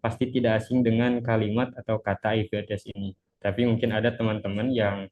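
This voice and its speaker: A man's voice: lowish voice, level tone, fairly quick, darkish tone. A man of twenty presents an introductory online lesson through a face mask, politely and hesitantly, sounding a little unwell. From Cianjur, West Java, Indonesia. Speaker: webinar presenter. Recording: dull, muffled lo-fi webinar audio.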